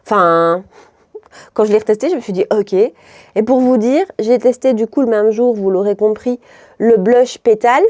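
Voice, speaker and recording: Chatty Belgian woman with a mellow voice. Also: a little high, unhurried, dry recording, clean studio sound. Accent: Belgian French, mild Brussels. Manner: rambling, self-interrupting, laughs often. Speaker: beauty vlogger. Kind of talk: chatty makeup tutorial.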